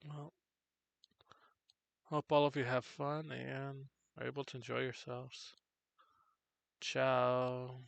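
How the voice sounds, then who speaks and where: A tired man teaching on a live tutorial stream, halting and correcting himself as he goes. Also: completely flat delivery, creaky, dry recording. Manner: halting, self-correcting, low-energy. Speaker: streamer teaching 3D character software.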